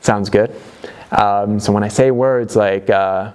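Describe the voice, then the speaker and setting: Talking to camera with plenty of fillers and false starts, a young DIY vlogger with a Canadian accent delivers an earnest, conversational pep talk. He speaks slowly in a smooth, darkish voice that sits on the low side, his tone steady.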